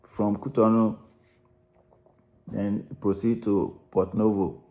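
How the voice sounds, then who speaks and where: A Nigerian man with a low-set, dark and mellow voice. He narrates in an easy, unscripted way. He repeats and restarts phrases while explaining. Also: flat delivery, takes it slowly. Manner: rambling, self-correcting, repeats words. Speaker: narrator analysing a song. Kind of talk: unscripted spoken commentary.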